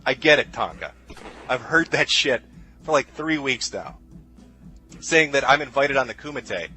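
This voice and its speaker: A man's voice: mid-range voice, expressive, measured pace, bright, forceful tone, soft background music, rough recording. A man ranting in a dismissive, mocking tone on a video.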